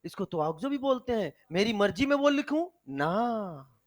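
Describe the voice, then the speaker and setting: Brief: man doing a muddled student, soft whiny protest. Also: high-pitched, very animated, normal speed, dry recording. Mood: pleading. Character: confused male student arguing his choice.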